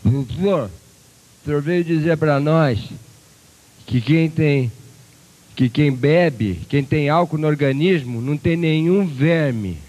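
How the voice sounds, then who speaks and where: A man voicing a tipsy audience member who earnestly and slowly addresses a doctor in a joke. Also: a little high, a little mellow, poor audio.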